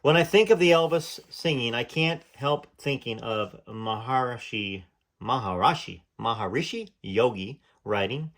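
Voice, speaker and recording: An animated, slightly bright mid-range voice belongs to a channel host reading from a memoir without hurrying. His tone is earnest, though he pauses here and there for chatty, uncertain asides.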